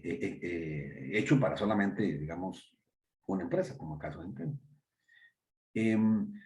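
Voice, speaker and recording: A man giving a university lecture, tagging his points with "¿verdad?" and pausing on "eh" fillers as he works through examples. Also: fairly low pitch, warm tone. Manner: explains with many rhetorical "¿verdad?" tags and hesitant "eh" fillers; acts out brief customer dialogues in his examples. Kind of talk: classroom lecture.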